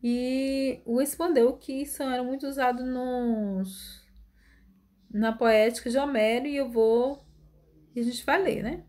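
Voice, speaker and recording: A woman's voice: high voice, steady tone, a little slow, mellow. A woman teaching literature in an informal online lecture, explaining step by step and often checking in with tag questions. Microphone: phone screen recording.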